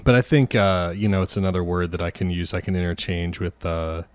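A man's voice: low voice, fairly even intonation, a little fast, clear, resonant tone, no room sound. A man co-hosting a podcast, talking casually and rambling with lots of fillers and swearing. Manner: rambling, profane, many fillers. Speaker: podcast co-host. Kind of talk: casual chat.

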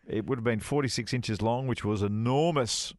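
A middle-aged man, a former touring golf pro, co-hosting a podcast and telling an animated anecdote in casual chat. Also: moderate pace, dry recording, studio quality. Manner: animated anecdote teller, rises high acting out quoted dialogue.

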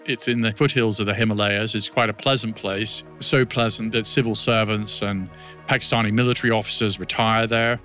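A man's voice: on the low side, steady tone, fairly quick, sharp tone, soft background music. A man speaking as an expert commentator in an unscripted interview, conversational and explanatory.

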